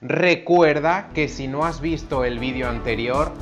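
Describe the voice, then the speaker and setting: A man's voice: a little high, a little slow, a bit bright, highs cut off, faint music behind. A man teaching pronunciation, carefully spelling out sounds and example words. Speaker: language teacher. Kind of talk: slow, clear pronunciation lesson.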